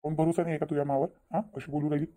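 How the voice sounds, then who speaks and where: A man voicing a sly cheating husband in a cartoon, speaking in a fretful, rapid patter. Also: on the high side, little pitch movement, warm tone, a little hiss or hum, close to an everyday voice. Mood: evasive. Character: sly cheating husband, caught between wife and lover. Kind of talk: cartoon voice acting.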